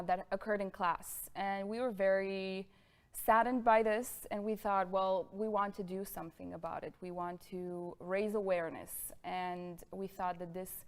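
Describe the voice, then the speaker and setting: A young woman from Bulgaria gives a lecture in a smooth, clear voice. She is friendly and fills pauses with ums, then rushes ahead in quick bursts. The sound comes from a camera a little way off in a studio room. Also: medium pitch. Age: 20s. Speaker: guest lecturer. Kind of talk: presenting a lecture. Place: studio room with pink sofa.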